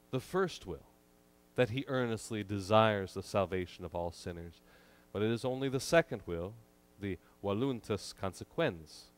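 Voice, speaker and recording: Speaking into a pulpit mic, a man in his thirties preaches to his church as pastor. His fairly low voice comes across as deliberate and emphatic, broken up by many pauses.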